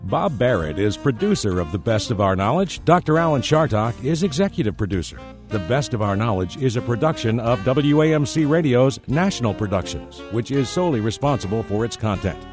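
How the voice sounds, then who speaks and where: A man reading the closing production credits of a radio show in a lively announcer delivery. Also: medium pitch, brisk, soft background music. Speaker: station announcer.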